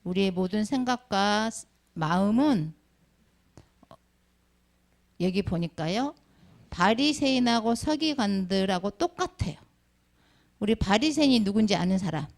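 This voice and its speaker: Speaking at an unhurried pace with frequent pauses, this middle-aged woman has an animated, mid-range voice with vocal fry. She's giving a children's sermon in Sunday school, naming individual children and asking the class lots of questions.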